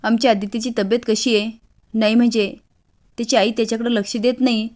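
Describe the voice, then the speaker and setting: A woman's voice: on the high side, flat delivery, fast talker, darkish tone, natural voice. A woman voicing a sly, sarcastic older woman in a serial recap, reading in a teasing way.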